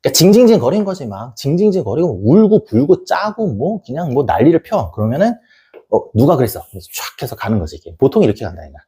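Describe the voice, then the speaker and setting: Brief: male tutor-lecturer, blunt and colloquial, rapid delivery, wildly swinging pitch, dark husky tone. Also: sing-song. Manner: blunt, colloquial, acts out scenes, swears freely. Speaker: education YouTuber and tutor. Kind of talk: blunt casual parenting lecture.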